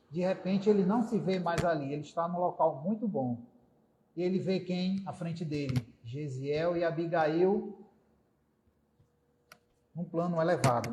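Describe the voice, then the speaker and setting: A man delivers a storytelling lecture in a fairly high voice. He retells each scene with repetition and emphasis. The sound carries a strong echo from the lecture hall. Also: darkish tone. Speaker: lecturer at a spiritist center. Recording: echoey hall.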